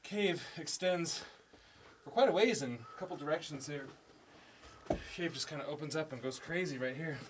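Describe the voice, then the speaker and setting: A man's voice: on the high side, normal speed. A man talking casually and muttering measurements as he surveys inside a cave, with an informal manner. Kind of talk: casual chat while surveying. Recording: clear background noise and clicks.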